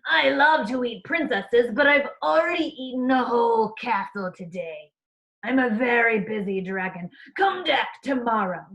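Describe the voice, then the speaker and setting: A woman voicing a busy, boastful male dragon in a children's storybook, with a slow, self-important delivery. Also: a little high, animated, fairly bright tone, low-quality recording. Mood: dismissive, boastful.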